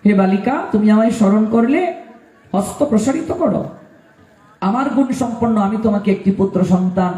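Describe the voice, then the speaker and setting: A man's voice: high voice, expressive, moderate pace, mellow. A man doing a stately sun god. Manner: formal, stately address. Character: solemn radiant sun god granting a boon. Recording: echoey room, mic at a distance.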